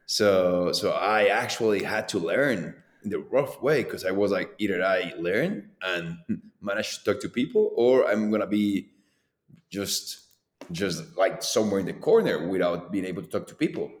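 In his thirties, this Colombian ex-pro downhill mountain biker speaks English as a second language, Spanish being his native tongue, with a Colombian accent. His deep voice moves at a moderate pace as he chats animatedly in a casual interview, laughing a lot and leaning on fillers, with roomy echo around him.

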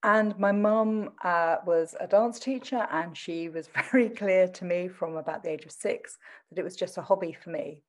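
A middle-aged woman speaks in a slightly low register, her English accent mostly standard with traces of Essex. She is articulate and reflective, talking conversationally as an interviewee with a modest, self-deprecating manner. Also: normal speed. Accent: English, adopted standard with traces of Essex. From Southend in Essex, England. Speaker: teacher and interview guest.

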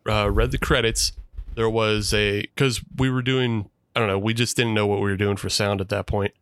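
A man's voice: fairly low pitch, normal speed, clean tone, dry recording. A man co-hosting a podcast, talking casually about his old student film with plenty of fillers and laughs. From Pennsylvania. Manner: relaxed, rambling with frequent fillers and laughs. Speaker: podcast co-host, former student filmmaker.

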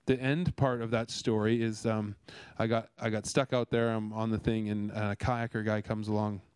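A man's voice: fairly low pitch, level tone, normal speed, a little mellow, clean tone. A man from Canada giving a casual devotional talk, earnest and rambling, with many restarts and fillers. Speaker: speaker sharing a devotional.

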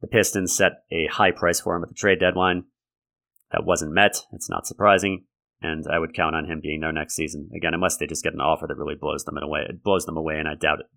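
A man hosting a sports podcast solo, talking analytically and conversationally in a gravelly voice left raspy by a lingering cold. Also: extremely low pitch, level tone, fast talker, sharp tone. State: raspy from a lingering respiratory infection. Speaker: podcast host. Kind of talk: sports commentary monologue.

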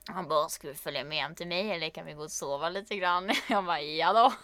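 A woman's voice: deep voice, dry recording. A woman in her twenties with a Norrland Swedish accent, chatting casually as a podcast co-host and acting out the people in her stories. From northern Sweden. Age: 20s. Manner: lively storyteller who acts out quotes.

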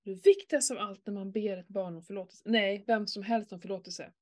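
A middle-aged woman in candid casual chat, telling an emotional personal story with lots of swearing and animated outbursts. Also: mid-range voice.

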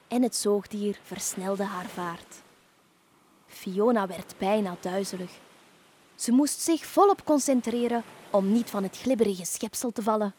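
A woman reading a children's story aloud in an expressive, lively way. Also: a little high, breathy edge. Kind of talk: scripted storybook narration.

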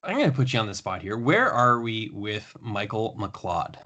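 A man hosting a casual podcast chat, relaxed, talking in long runs with fillers. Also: fairly low pitch, normal speed. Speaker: podcast host.

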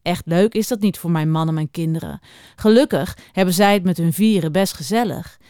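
A woman giving a children's morning talk and reading a story aloud in an expressive, chatty way. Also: fairly low pitch, a little fast, smooth, no echo, studio quality.

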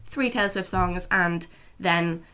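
A British woman in her twenties with a hoarse, froggy, lost voice, chatting casually and self-deprecatingly as a podcast co-host. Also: on the low side, unhurried, bright, forceful tone. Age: 20s. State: hoarse, froggy, worn-out voice from losing it.

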